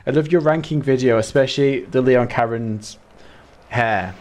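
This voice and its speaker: A man with a Mancunian accent, streaming a game and chatting to his viewers, excitable and dramatic, jumping from squeals to mutters. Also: mid-range voice, moderate pace. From Manchester, England. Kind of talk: casual game streaming chat.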